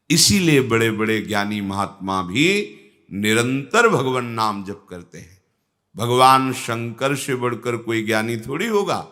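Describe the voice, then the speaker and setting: An older man giving a slow, measured devotional discourse as a spiritual teacher, rising in tone when he quotes scripture. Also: mid-range voice, bright, forceful tone.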